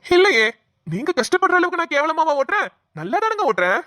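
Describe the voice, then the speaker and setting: Cartoon role: quick, bright, teasing young man, played by a woman. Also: very high voice, very animated, no echo, clean studio sound, exaggerated voice. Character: cheeky young man, playful teaser. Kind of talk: cartoon voice acting.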